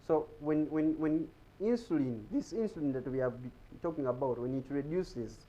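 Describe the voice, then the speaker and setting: On a TV studio set, a male guest speaker explains health topics, frequently repeating words while he hunts for the right ones. His voice is fairly high and dark-toned, at a moderate pace, captured on lo-fi audio.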